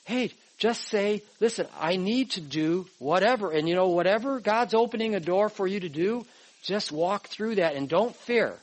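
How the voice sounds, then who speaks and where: High-voiced older man teaching scripture. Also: expressive, normal speed, low-quality recording. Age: 60s. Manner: emphatic and conversational, frequent "all right?" and "okay". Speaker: pastor teaching a Bible class. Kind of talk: Bible teaching from notes.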